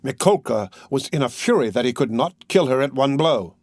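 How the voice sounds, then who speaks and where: Expressive male audiobook narrator. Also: medium pitch, normal speed, dry recording, studio quality. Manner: expressive, dramatic reading. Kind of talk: scripted narration of a classic novel.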